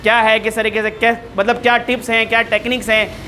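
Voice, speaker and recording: Man, teacher, bright tense voice, faint background noise, lively classroom lecture. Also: high-pitched, quick pace. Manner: lively, rhetorical questions to students, switches between languages. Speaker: English teacher. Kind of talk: classroom lecture mixing Hindi-Urdu and English.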